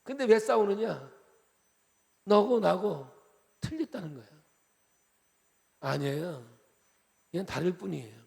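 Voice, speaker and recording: A male pastor from Chungcheong preaching a revival sermon, animated and jokey, swinging between loud and soft. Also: high-pitched, unhurried, creaky, pauses often, big-room sound. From Chungcheong, Korea.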